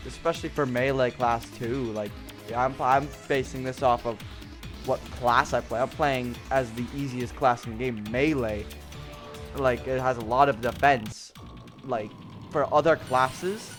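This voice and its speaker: A young man casually ranking game bosses at home, rambling with lots of fillers and restarts, a bit out of breath. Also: mid-range voice. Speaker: gaming youtuber.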